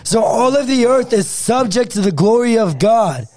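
High voiced guy preaching revival, short punchy statements, really emphatic. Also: lively intonation, moderate pace, darkish tone.

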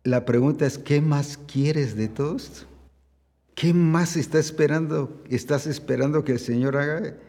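A man preaching a sermon with slow, deliberate pacing and emphatic rhetorical questions. His voice is somewhat high yet dark and mellow in tone. It rings out with a long hall reverb. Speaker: apostle preaching.

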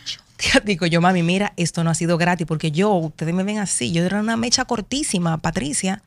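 Middle-aged dominican woman chatting as a guest, lively stories, acts out the voices, dry close sound. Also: on the low side, fast, dry recording. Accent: Dominican Spanish. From Dominican Republic. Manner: animated storytelling, acts out quotes. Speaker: guest, broadcaster and mother. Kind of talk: conversational interview.

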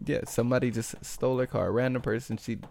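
A man's voice: medium pitch, steady tone, fast talker, vocal fry, a little mellow. A man hosting his own podcast, rambling in loose, slangy casual chat with lots of filler words. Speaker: podcast host.

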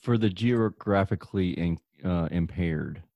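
A man with a Deep South American accent hosting a casual interview in an informal, joking, rambling way. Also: measured pace, dry recording, dull audio. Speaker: podcast host, interviewer.

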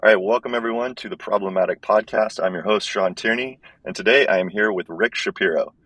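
Male podcast interviewer, deep register, conversational delivery, thin metallic tin-can tone from an earbud mic. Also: brisk, a bit bright, breathy edge, dry recording. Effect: thin, tinny, tin-can sound. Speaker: podcast host. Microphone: wireless earbuds. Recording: tinny earbud microphone audio.

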